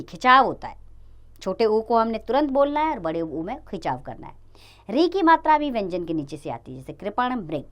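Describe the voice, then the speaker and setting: A woman gives a grammar lesson to children at an easy, steady pace. Her voice sits at a middle pitch but swings widely up and down in a sing-song way. She explains each point patiently, the way a teacher talks to a young class.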